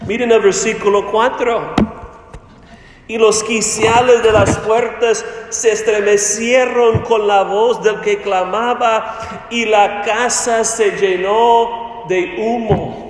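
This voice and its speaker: A high-pitched man preaching at a very slow, deliberate pace. His sermon sinks to quiet lows and climbs again for emphasis. The voice rings through a large hall with long, echoing reverb. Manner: slow, deliberate preaching with dramatic dips and rises.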